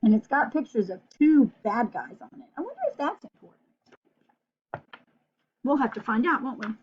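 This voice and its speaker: In an animated children's read-aloud, a woman playfully poses questions to her young listeners as she reads a picture book. Her fairly high, animated voice moves at normal speed, with slight background noise on a dull, lo-fi recording.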